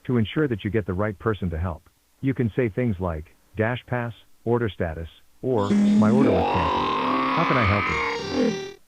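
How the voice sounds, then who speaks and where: A man's voice in a recorded phone message, giving measured, polite menu prompts that repeat over the phone line. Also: fairly low pitch, big pitch swings, gravelly, soft background music. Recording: tinny dry phone line.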